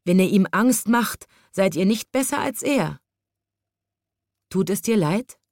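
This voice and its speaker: A woman's voice: mid-range voice, animated, slow pace, a little mellow, no echo, clean studio sound, pitched above the performer's own voice. Fretful little zookeeper, a woman reading. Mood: worried.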